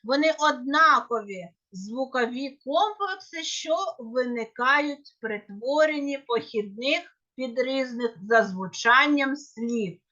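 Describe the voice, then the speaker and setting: A woman's voice: high-pitched, lively intonation, slow pace, pushed and bright. A woman teaching a grammar lesson, explaining carefully and correcting herself now and then. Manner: careful, with small self-corrections. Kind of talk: lecture on grammar. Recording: dull lo-fi recording.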